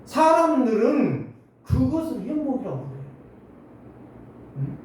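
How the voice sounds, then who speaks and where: A man in his sixties preaching a Sunday sermon, swinging between loud exclamations and low asides. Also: big pitch swings, measured pace, a little hiss or hum. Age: 60s. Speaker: pastor. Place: church sanctuary. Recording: very echoey hall, mic at a distance.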